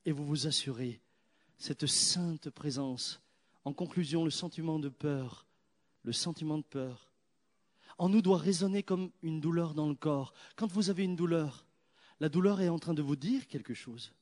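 Animated, high-voiced man preaching a sermon. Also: unhurried. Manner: animated storytelling, swinging from loud exclamations to hushed prayer.

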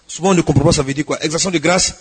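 A man preaching a sermon as a pastor, swinging between hushed pleading and shouted exhortation, with a husky voice. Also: on the high side, rapid-fire, in a large hall.

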